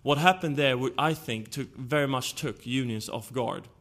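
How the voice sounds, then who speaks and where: A man's voice: mid-range voice, normal speed, a bit bright. A man from Sweden with a Swedish accent, speaking as a panelist at a conference and laying out his arguments one point at a time. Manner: argumentative, lays out points in order.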